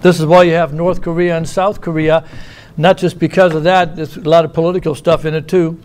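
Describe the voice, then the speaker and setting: A male preacher from the United States gives a sermon in a church. His voice sits a bit high, and he talks in a loose, conversational way, restarting phrases and tossing in asides. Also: flat delivery, fairly quick, darkish tone, clean tone.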